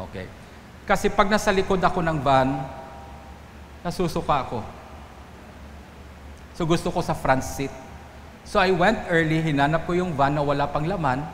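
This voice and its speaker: Filipino priest preaching in an echoey church. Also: male voice, a little high, lively intonation, unhurried, pauses often, a bit bright, a little hiss or hum. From Philippines. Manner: storytelling, quoting people in different voices. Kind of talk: Sunday homily. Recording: echoey church hall, faint ambience.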